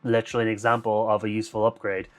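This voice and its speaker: A man's voice: fairly low pitch, little pitch movement, rapid-fire, faint music behind. A man co-hosting a casual gaming podcast, playful and teasing. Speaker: podcast co-host.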